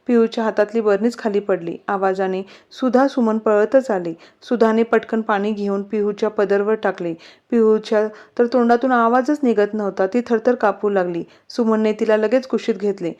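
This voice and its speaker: Woman narrating a story, mellow and muffled. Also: medium pitch. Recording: slightly muffled recording.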